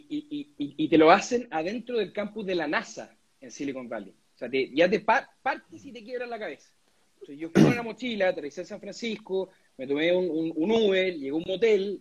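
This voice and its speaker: A young Chilean man with a high, slightly husky voice answers interview questions in earnest, often stumbling and repeating words as he builds his point. The recording sounds dull and lo-fi. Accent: Chilean Spanish. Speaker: lawyer and constituent assembly candidate being interviewed.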